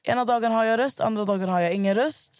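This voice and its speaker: A hoarse woman hosting a podcast, ranting in casual chat and swearing a lot. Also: fairly high pitch, darkish tone, no echo, clean studio sound. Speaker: podcast host.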